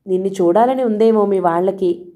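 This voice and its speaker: A woman's voice: mid-range voice, moderate pace, mellow, natural voice. A woman voicing a young man, a fond younger brother who talks in a coaxing, reassuring way.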